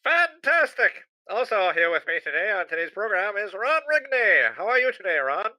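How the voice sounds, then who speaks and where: A man's voice: sits high, sing-song, normal speed, sharp tone, no room sound, full character voice. A man doing a hokey 1920s radio announcer. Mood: jovial. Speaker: host. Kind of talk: comedic 1920s radio parody.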